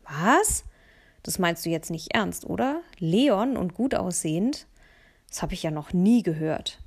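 A woman's voice: fairly low pitch, lively intonation, unhurried, breathy edge, exaggerated voice. A woman doing a cheeky teasing teenage boy. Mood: mock-indignant. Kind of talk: audiobook dialogue.

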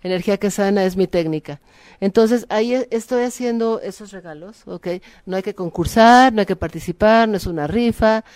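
A woman's voice: mid-range voice, normal speed, darkish tone, no room sound, studio quality. A woman, a guest chatting casually on a web radio show, full of fillers and tag questions. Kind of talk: casual chat.

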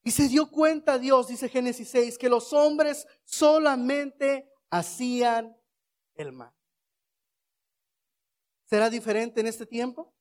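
A man preaching a sermon, asking rhetorical questions and leading the congregation in shouted responses. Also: very high-pitched, slow, pauses often.

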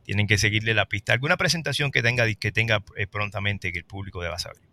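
A man hosting a casual talk show, lively and reading out viewer comments. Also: on the low side, fast talker, vocal fry. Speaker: host.

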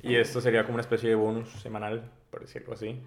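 Animated man telling a story. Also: medium pitch, very fast, echoey room, slight background noise. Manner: animated storyteller, laughing often. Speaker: podcast host. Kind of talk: casual chat.

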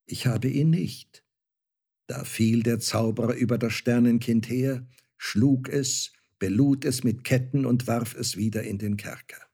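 A man reading a fairy tale aloud as narrator, calm and measured. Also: medium pitch, vocal fry, husky.

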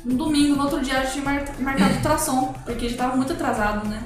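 A young Brazilian woman with a high voice tells a story at a quick clip, rambling and animated. The room is very echoey, and faint music plays underneath. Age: young adult. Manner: rambling, animated retelling with quoted dialogue. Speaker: guest. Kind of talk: casual storytelling.

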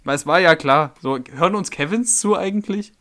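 A man's voice: fairly high pitch, a little fast, pushed and bright. A young man from Germany co-hosting a casual podcast, tired and irritable after work, ranting and swearing as he acts out customers. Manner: worked-up, swearing, acts out customers in quoted voices. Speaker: podcast co-host.

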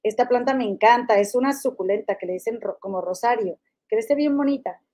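Regia lady gossip podcast host, kinda high voice but mellow, chatty, reads out comments. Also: a little fast. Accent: Monterrey Mexican Spanish. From Monterrey, Mexico. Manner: chatty, reads listener comments, calls listeners comadres. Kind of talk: casual gossip chat with listeners.

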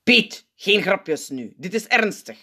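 A woman's voice: medium pitch, very animated, takes it slowly, pushed and bright, breathy edge, voice pushed up, exaggerated voice. A woman voicing a fussy male safety elf who grumbles and curses in an exasperated way in an audiobook. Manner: cursing, exasperated.

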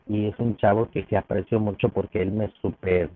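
A man's voice: fairly low pitch, flat delivery, fairly quick. A man with a Mexican accent tells a personal story in a casual interview, often restarting his sentences and acting out what others said. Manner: frequent restarts, acts out quoted dialogue. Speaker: podcast guest. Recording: tinny phone-like dry sound.

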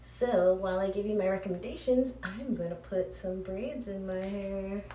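A woman's voice: mid-range voice, moderate pace, mellow, recorded from a distance. A woman rambling informally as a podcast host, with playful asides and a cave-like echo from a bathroom. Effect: cave-like echo from the room. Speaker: podcast host recommending movies. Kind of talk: casual chat. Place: bathroom, on location. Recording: echoey cave-like bathroom, noisy.

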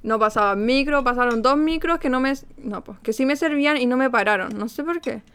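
A woman's voice: high voice, fairly bright tone, smooth. A young Chilean woman co-hosting a podcast in casual chat, telling stories with indignation. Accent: Chilean Spanish. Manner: indignant storytelling, quick to anger. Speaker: podcast co-host.

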